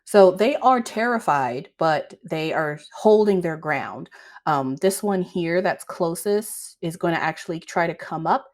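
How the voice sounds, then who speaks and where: Female tabletop game master, lower register, informal improvised narration. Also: lively intonation, a little slow.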